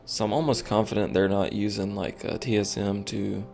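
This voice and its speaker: A man's voice: fairly low pitch, little pitch movement, normal speed, gravelly, darkish tone, soft background music. A tired man streaming a game, rambling and thinking aloud with lots of fillers as he comments casually.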